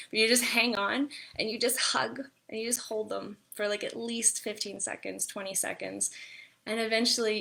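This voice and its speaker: A young adult woman giving casual parenting advice in a chatty, gentle way, with many fillers and restarts. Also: on the high side, vocal fry. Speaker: parenting and wellness vlogger.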